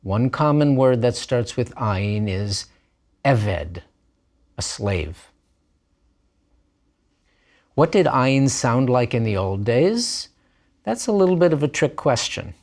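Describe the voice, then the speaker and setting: A man's voice: mid-range voice, sing-song, slow pace, pauses often, darkish tone. A man teaching a language lesson, explaining letters patiently and step by step. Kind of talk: recorded lesson narration.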